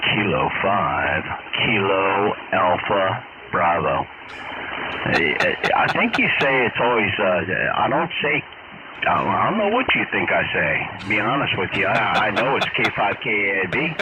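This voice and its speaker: A man's voice: fairly low pitch, sing-song, moderate pace. A man in his fifties chatting casually over crackly military-style ham radio in a rambling, folksy way. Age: 50s. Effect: crackly military-style radio transmission. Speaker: amateur radio operator. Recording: crackly, very noisy narrowband radio signal.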